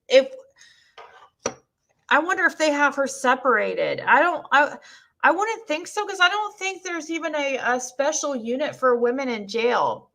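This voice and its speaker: A woman streamer with a squeaky voice chatting bluntly and rambling with her viewers, recorded on a cheap mic. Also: fairly bright tone. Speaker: streamer reading chat. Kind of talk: casual live-stream commentary. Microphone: cheap twelve-dollar mic.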